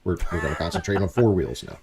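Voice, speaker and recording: A man's voice: low-pitched, fast talker, crowd noise. A man hosting a podcast in a casual, rambling way, often repeating himself. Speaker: podcast host. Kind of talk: casual chat.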